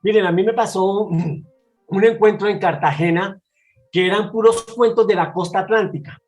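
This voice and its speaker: A man from Bogotá with a Colombian accent, a storyteller talking in an interview, animated and expressive, often restarting his sentences. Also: high voice, normal speed, soft background music, rough recording. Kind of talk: casual interview talk.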